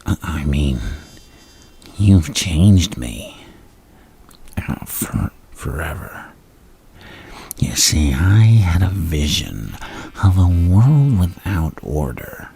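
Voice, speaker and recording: A man playing a deranged, lovestruck supervillain in an ASMR roleplay, gravelly and breathy, halting and theatrical, often sinking into a whisper. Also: low voice, very animated, mellow, full character voice. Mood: playful menace, then grandiose, infatuated. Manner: halting, theatrical, menacingly courteous. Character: the Joker, deranged lovestruck male supervillain on a date.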